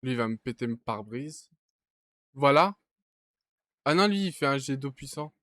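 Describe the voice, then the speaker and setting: Jumpy, lively young streamer man. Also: medium pitch, normal speed, no echo. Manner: panicky yelps and shouts, swearing, talks to himself. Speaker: gaming streamer. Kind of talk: casual let's-play commentary.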